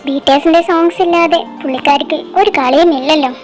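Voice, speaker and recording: A woman's voice: sits high, steady tone, quick pace. A young woman narrating a fan dub drama in a wry, chatty way. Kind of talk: casual storytelling narration.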